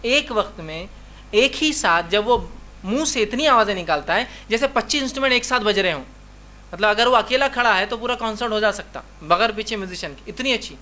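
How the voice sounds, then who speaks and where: A man's voice: sits high, expressive, pushed and bright. A male Islamic lecturer teaching in a conversational way, asking rhetorical questions and repeating his reminders often. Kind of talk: religious lecture.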